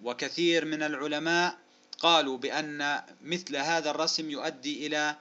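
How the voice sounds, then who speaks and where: A male teacher giving a recorded spelling lesson, drawing out each example word slowly, then explaining the rule briskly and asking and answering his own questions. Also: on the high side, steady tone, pushed and bright. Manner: addresses listeners as dear loved ones, asks and answers his own questions. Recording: dull lo-fi recording.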